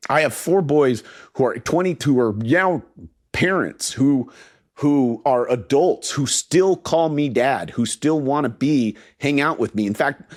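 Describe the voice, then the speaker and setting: Man, fifties, podcast guest, earnest, heartfelt, restarts and repeats words, medium pitch. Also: a little slow, darkish tone. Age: 50s. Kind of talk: casual interview talk.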